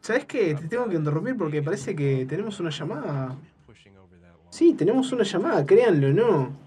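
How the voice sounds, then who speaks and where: A man's voice: sits high, very animated, fairly quick, warm tone. A man co-hosting a radio show, joking and cutting in playfully. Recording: off-mic, distant from the microphone.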